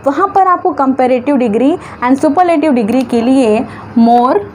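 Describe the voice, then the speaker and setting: A woman teaching English grammar, stretching words slowly into syllables and asking questions that she answers herself. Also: high voice, darkish tone, a little hiss or hum. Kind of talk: classroom-style grammar lesson.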